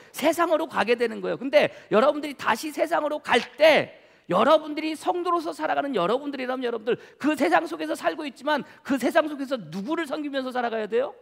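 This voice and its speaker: A man's voice: extremely high pitch, creaky. A man preaching a sermon as pastor, putting rhetorical questions to the congregation. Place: church sanctuary. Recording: church hall reverb.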